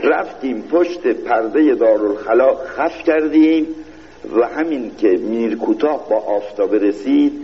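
A man giving a satirical literary reading, speaking as a pompous royal narrator with a deliberate, sardonic delivery. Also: mid-range voice, lively intonation. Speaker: reader. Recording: dull, lo-fi recording with faint hiss.

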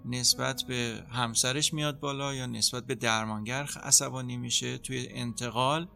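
A man speaking as a psychotherapist in an interview, calmly explaining how treatment works and acting out what a therapist says. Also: mid-range voice, gravelly, faint music behind. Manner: calm, explanatory, acts out therapist dialogue. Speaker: psychotherapist guest.

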